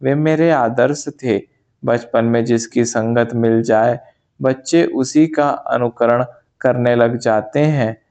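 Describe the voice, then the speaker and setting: A man calmly reading a spiritual memoir aloud as an audiobook narration, in a measured, unhurried way. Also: medium pitch. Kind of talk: slow scripted audiobook narration.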